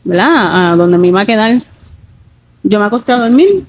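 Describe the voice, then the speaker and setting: A woman's voice: medium pitch, big pitch swings, moderate pace, muffled recording. A woman, telling a personal testimony earnestly and leaning on fillers like "pues" and "¿verdad?". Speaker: guest giving a testimony.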